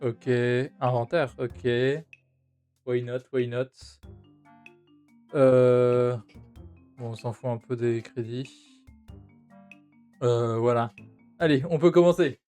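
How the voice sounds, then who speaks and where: Male streamer, mid pitch, casual rambling commentary over faint game music. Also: fairly even intonation, slow, long pauses, dark tone. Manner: chatty, hesitant, many filler sounds.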